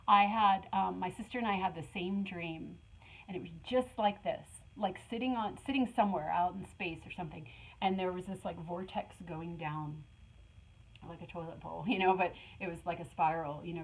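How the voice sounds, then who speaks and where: A middle-aged woman giving a casual spiritual tarot reading, talking in an animated, rambling way with many fillers. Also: fairly low pitch, low-quality recording. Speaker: tarot reader.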